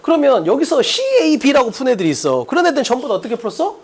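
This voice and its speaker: A man teaching an exam-prep English lesson, drilling students with quick rhetorical questions and emphatic repetition. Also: extremely high pitch, wildly swooping pitch, husky. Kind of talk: recorded exam-prep lecture.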